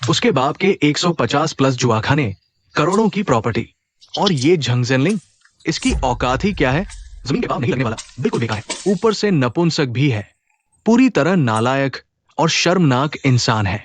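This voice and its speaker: A man's voice: mid-range voice, expressive, normal speed, lightly acted. A man playing a scornful rich father. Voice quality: harsh, contemptuous. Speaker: disapproving father. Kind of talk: Hindi dubbed short drama.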